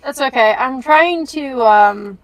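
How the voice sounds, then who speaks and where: A woman's voice: high-pitched, slow, dry recording, soft background music, low-quality recording. A woman chatting casually as a streamer, scattered and giggly, often talking to herself. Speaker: streamer playing and voicing a game with friends. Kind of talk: casual chat.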